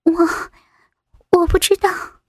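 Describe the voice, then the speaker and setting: A woman voicing a meek, humiliated young female secretary who speaks softly and hesitantly. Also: very high-pitched, little pitch movement, slow, dry recording, clean studio sound. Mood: timid. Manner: soft, hesitant, submissive.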